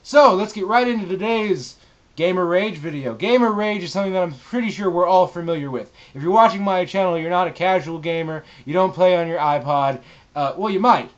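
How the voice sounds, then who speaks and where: A man with a somewhat high voice speaks as a gaming vlogger. He addresses viewers casually, with emphatic, showy delivery and plenty of casual swearing. The sound is slightly dull and lo-fi. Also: brisk. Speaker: gaming channel host. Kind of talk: casual vlog monologue to viewers.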